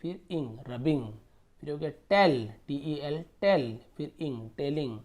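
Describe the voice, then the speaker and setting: A man from India teaching English pronunciation, slowly repeating words and spelling them letter by letter. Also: fairly high pitch, animated, a little mellow.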